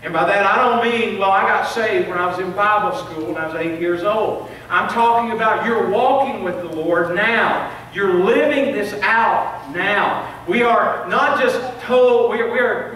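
Middle-aged man, pastor, earnest sermon delivery, high-ish voice, distant lectern mic in a very echoey church. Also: bright, forceful tone. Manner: earnest preaching with rising emphasis and repeated restarts. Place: large church sanctuary, preaching at a lectern. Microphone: lectern microphone, filmed by a far camera. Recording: echoey sanctuary, distant mic, faint hiss.

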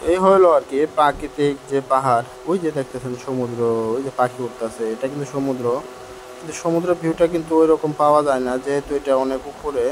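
Filming on a handheld phone, a man with a mid-range voice gives walking commentary while climbing outdoor hillside stairs. He's a bit breathless and speaks to viewers chattily, frankly and with complaints, and loud outdoor noise fills the phone audio.

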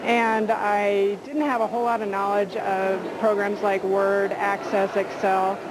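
A woman's voice: mid-range voice, little pitch movement, measured pace. A woman giving an unscripted personal testimonial as a customer. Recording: clearly noisy background ambience.

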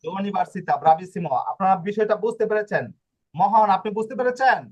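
A man's voice: sits high, expressive, quick pace. A man teaching a language class online, explaining step by step and asking himself questions as he goes. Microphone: video call.

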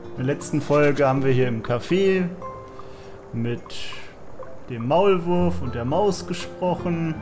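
Male let's play host, casual commentary, slightly high voice, faint music underneath. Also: animated, a little slow.

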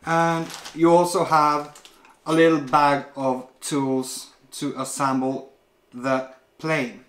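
A man in his forties reviewing a model airplane at a table indoors, talking in a relaxed way with many pauses and fillers. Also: fairly high pitch, roomy sound. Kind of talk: product unboxing review.

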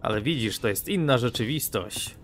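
A man hosting a let's play, excitable and joking, swearing often as he commentates casually. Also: medium pitch, normal speed. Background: game audio.

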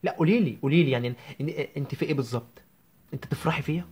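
A man putting on a young Egyptian newlywed woman, griping to her mother in a comic phone-call sketch. The voice is pitched a bit high and husky, and it rattles along at a breakneck pace. She sounds whiny and indignant throughout. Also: darkish tone. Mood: upset, whiny. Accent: Egyptian Arabic. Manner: whiny, indignant, rapid rambling. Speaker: comedian.

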